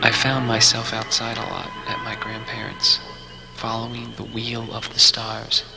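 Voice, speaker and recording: A man calmly narrating a reflective scripted voice-over. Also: on the low side, unhurried, gravelly, poor audio. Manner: calm, even reflective telling. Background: loud music.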